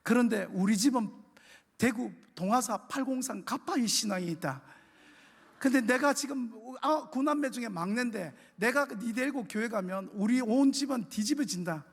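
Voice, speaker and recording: A man's voice: very high-pitched, normal speed, breathy edge, in a large hall, full character voice. A man voicing an anguished young husband, speaking firmly and sorrowfully. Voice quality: firm, sorrowful.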